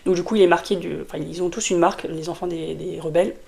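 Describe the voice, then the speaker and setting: A woman with a cold and a sore throat talks fast through a casual to-camera review of a fantasy novel on her book vlog. Her lowish voice is creaky and a little mellow, with fairly even intonation, and her delivery is chatty and rambling, packed with fillers and restarts.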